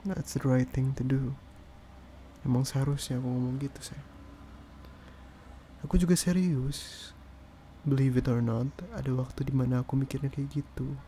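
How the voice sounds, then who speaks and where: A young man in a whispered role-play, talking softly and gently as he comforts and hushes someone. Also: mid-range voice, level tone, a little fast, a little hiss or hum. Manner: hushing and soothing. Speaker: ASMR performer.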